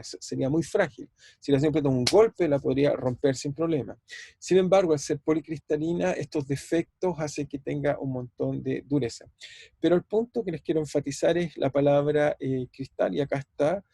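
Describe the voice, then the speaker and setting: A man with a Chilean Spanish accent lectures over a computer mic, his voice a touch high, dark and gravelly, with a husky edge. He thinks aloud as he goes, repeats words and keeps asking the class questions. The sound is dry and close. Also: no room sound. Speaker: physics professor. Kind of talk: online university lecture.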